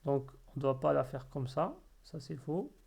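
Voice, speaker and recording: A man teaching Arabic letters step by step, patiently drilling syllables slowly and repeating them. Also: mid-range voice, lively intonation, gravelly, darkish tone, slightly rough. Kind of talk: slow step-by-step lesson.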